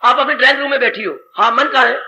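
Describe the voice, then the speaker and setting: On a muffled old tape with faint hiss, a male spiritual teacher gives a dramatic, rhetorical devotional sermon punctuated by sighing exclamations. His voice is extremely high and sharp, and he talks at a quick pace.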